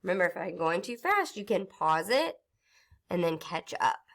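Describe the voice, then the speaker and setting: A woman's voice: on the low side, very animated, normal speed, a bit bright. A woman teaching a recorded phonics lesson to young children, patiently sounding out letters step by step and reading a storybook aloud in an encouraging way.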